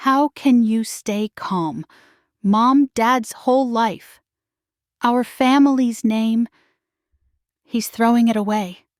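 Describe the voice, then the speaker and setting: A woman's voice: a little high, takes it slowly, long pauses, dry recording, studio quality. A woman reading the part of an angry, impatient adult daughter, heated and indignant.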